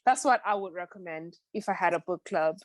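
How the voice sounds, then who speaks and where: A woman's voice: fairly low pitch, a little fast, slight background noise. A woman in her twenties from Zimbabwe, chatting as a podcast guest, laughing often and restarting her sentences. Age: 20s. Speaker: guest, PhD student. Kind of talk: casual interview chat.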